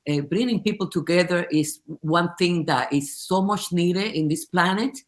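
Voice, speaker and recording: A woman's voice: on the low side, moderate pace. An older woman from the Dominican Republic, a guest on an online video chat, speaking in an upbeat, reflective way.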